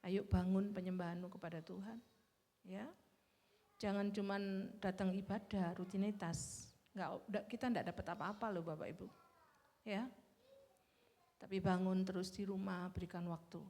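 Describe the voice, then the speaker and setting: A woman's voice: lowish voice, mellow. A woman preaching a sermon, speaking conversationally and often checking in with "ya" and "kan ya". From Indonesia. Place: church sanctuary. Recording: long hall reverb in a church.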